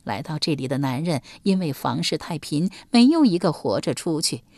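A woman's voice: low-pitched, sing-song, a little mellow, no echo, full character voice. A woman doing a kindly old servant woman. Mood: confiding. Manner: slow, sighing, motherly. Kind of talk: audiobook character voice.

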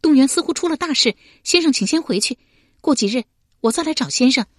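A woman voicing a proud, quick-tempered young swordswoman who snaps back sharply in an audiobook. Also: sits high, expressive, no room sound, studio quality, pitched above the performer's own voice. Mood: urgent. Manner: sharp, indignant retorts.

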